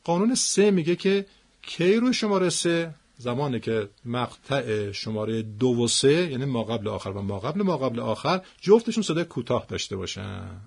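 A man teaching the stress rules of Quranic Arabic, patiently repeating words slowly. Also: mid-range voice, expressive, gravelly, breathy edge.

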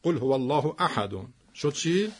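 A man teaching the stress rules of Quranic Arabic, patiently repeating words slowly. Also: fairly high pitch, expressive, breathy edge.

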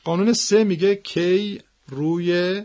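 A man teaching the stress rules of Quranic Arabic, patiently repeating words slowly. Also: high voice, darkish tone.

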